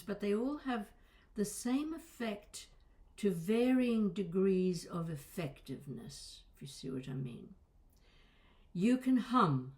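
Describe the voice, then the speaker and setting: With a mid-range, darkish voice, an older woman coach and presenter teaches an informal lesson straight to camera. She is chatty and digressive, with dry asides, and her voice shows a faint crackle and small breaks.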